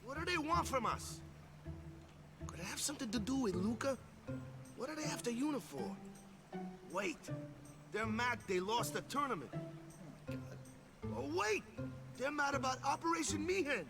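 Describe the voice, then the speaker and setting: A man's voice: very high-pitched, very animated, moderate pace, pauses often, heavily acted. An actor playing a hot-tempered young male athlete in a video game, blustering about enemies over game music. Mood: agitated.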